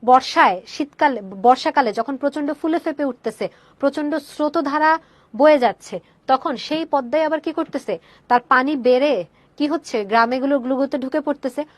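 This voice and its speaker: A woman's voice: high voice, moderate pace, dry recording. A young woman teaching a poem in an online class, asking questions and answering them herself and mixing in English words. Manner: mixes English words into her explanation.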